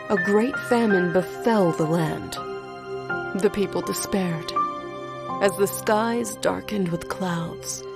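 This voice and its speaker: A mystical prophetic storyteller acted by a woman tells a cartoon fable over very loud music. The delivery is slow, solemn and grandiose, sinking into breathy whispers. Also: medium pitch. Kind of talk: theatrical fable narration.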